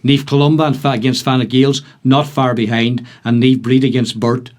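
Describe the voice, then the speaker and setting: Donegal accent guy hosting a sports podcast, chatting thru results and fixtures, mid pitched voice. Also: flat delivery, moderate pace, darkish tone. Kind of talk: casual sports discussion and fixture rundown.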